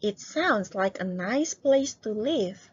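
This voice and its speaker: A woman voicing Grace, a friendly young woman traveller, reading polite, even textbook dialogue. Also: medium pitch, slow pace, slightly rough, no echo. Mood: pleased. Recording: dull lo-fi sound.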